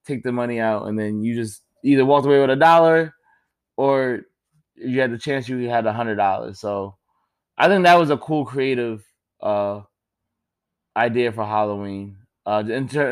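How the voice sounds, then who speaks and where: A young man hosting a podcast, doing a rambling, joking solo monologue full of swearing, his pitch jumping up when he gets excited. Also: normal speed, clean tone. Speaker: podcast host. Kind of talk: casual comedic monologue.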